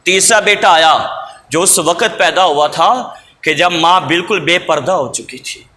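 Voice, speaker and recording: A man's voice: a little high, bright, forceful tone. A male preacher telling a moral story in a sermon, repeating phrases for emphasis. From Pakistan. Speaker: religious preacher. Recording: long hall reverb.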